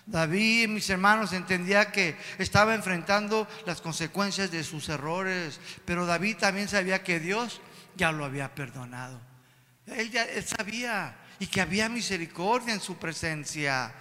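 A man's voice: high-pitched, moderate pace, sharp tone, long reverb tail. A man preaching a sermon in an emphatic style, repeatedly calling out to his brothers in the congregation.

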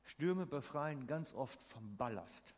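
A man delivers a sermon in an emphatic way, often putting questions to his congregation. His voice sits at a middle pitch and carries a long reverb from the church hall. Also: expressive, takes it slowly, a little mellow, slightly rough. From Switzerland. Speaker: preacher.

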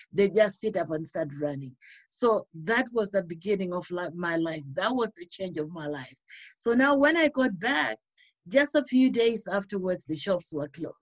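A woman's voice: mid-range voice, dry recording, muffled recording. A woman from Uganda, a radio guest, earnestly telling her faith story with frequent "you know". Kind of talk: personal testimony.

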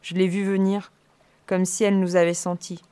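A woman's voice: on the low side, level tone, normal speed, dark tone, clear, resonant tone, natural voice. Woman reading as a curt, tense young man. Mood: irritated. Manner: blunt, curt, swears.

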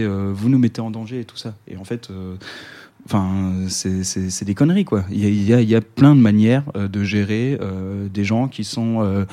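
Low, mellow-voiced man hesitating. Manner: hesitant, many fillers and restarts. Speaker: radio show co-host. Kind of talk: casual political discussion.

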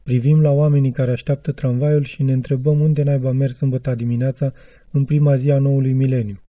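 Very dark, measured male audiobook reader. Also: mid-range voice, flat delivery, no echo. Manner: measured, reflective reading. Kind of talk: literary audiobook narration.

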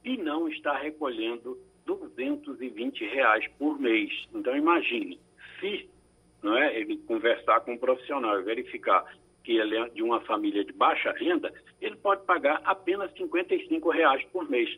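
Husky-voiced man explaining legal advice. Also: medium pitch, expressive, sharp tone, poor audio. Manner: measured, explanatory, frequent tag questions. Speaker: lawyer answering listener questions. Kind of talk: radio call-in advice. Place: radio studio.

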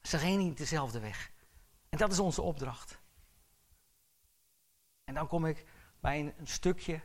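A man's voice: a little high, lively intonation, measured pace. A male pastor delivering a sermon, asking the congregation questions and building to urgent, emphatic exhortation.

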